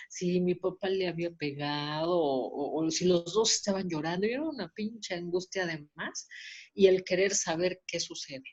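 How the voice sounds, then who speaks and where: A woman's voice: lowish voice, darkish tone, muffled recording. A Mexican woman giving a candid personal testimony at a support group meeting, acting out quoted voices and swearing casually. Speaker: support group member sharing.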